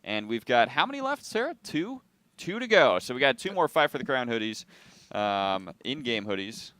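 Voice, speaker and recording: A man with a smooth, clear, fairly low voice hosts a livestream, recorded dry and close. He is upbeat, asking questions and announcing winners. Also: very animated, a little fast, fairly bright tone, no room sound. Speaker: stream host. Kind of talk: casual livestream hosting.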